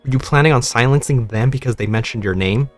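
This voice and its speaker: A man's voice: mid-range voice, quick pace, soft background music, lightly acted. A man reading as a blunt, suspicious woman soldier. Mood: accusing. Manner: blunt, accusing.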